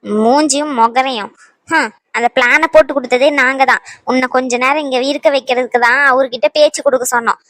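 A woman's voice: sits high, fairly even intonation, fairly quick, fairly bright tone, no echo. A woman voicing a tough, scornful young wife in a cartoon, mocking and bossy. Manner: mocking, contemptuous.

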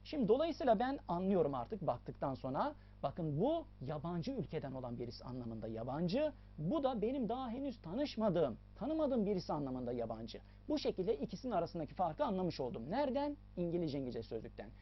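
Lively, emphatic woman teaching a lesson. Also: on the low side, fairly quick, breathy edge, lo-fi sound. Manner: emphatic, repeats key points to the viewer. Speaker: English teacher. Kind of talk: explanatory lesson.

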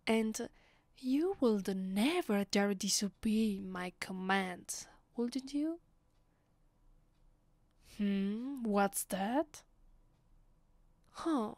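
A voice actress from Italy, speaking with an Italian accent, plays a haughty, commanding female vampire mistress addressing her mortal slave in an ASMR roleplay. Her mid-range voice is soft, breathy and often whispered, delivered in a slow, imperious, deliberate monologue with lingering pauses. She sounds suspicious and disdainful, and the recording is dry.

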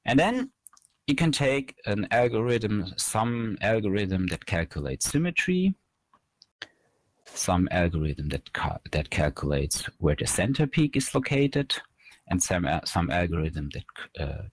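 A man in his thirties presents a technical slide lecture as a researcher at a conference, moving step by step at a measured pace. His voice sits low but swings widely in pitch, and this dry recording was made over webcam in an indoor room with a headset mic.

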